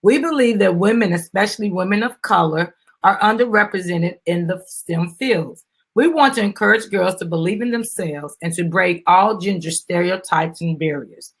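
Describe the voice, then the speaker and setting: Her voice lowish and her pace normal, a slightly husky middle-aged mother reads a children's book aloud with her daughter. She reads dramatically and breaks off for casual chat, addressing the child and audience with questions.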